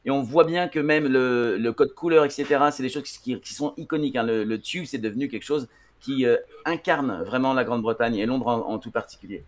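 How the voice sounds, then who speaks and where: A man's voice: mid-range voice, fairly quick. Man teaching with many ums. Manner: hesitant, many fillers and restarts. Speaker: English teacher on a TV show. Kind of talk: classroom-style TV lesson.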